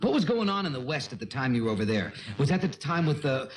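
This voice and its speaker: A man hosting a television talk show, jovial and teasing, with frequent filler pauses. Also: mid-range voice, very animated, rough recording.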